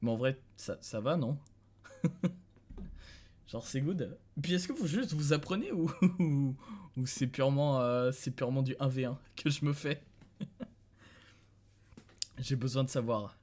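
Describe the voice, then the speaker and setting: Talking to viewers from a dim home room via a desk mic, a young Frenchman offers relaxed live-stream commentary, musing aloud and chuckling frequently. He takes it slowly, with long pauses, in a mid-range, darkish voice.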